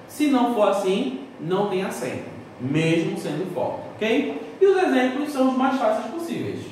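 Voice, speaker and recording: A man's voice: sits high, darkish tone. A man teaching a recorded Portuguese lesson to a school class, explaining step by step and posing questions that he answers himself. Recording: echoey room, distant mic, faint noise.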